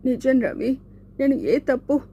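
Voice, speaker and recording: A woman's voice: high-pitched, a little slow, warm tone, slight background noise, voice pushed up. A woman voicing a bullied young male student who pleads in a tearful, distraught way, in an audiobook. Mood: pleading. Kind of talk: audiobook character voice.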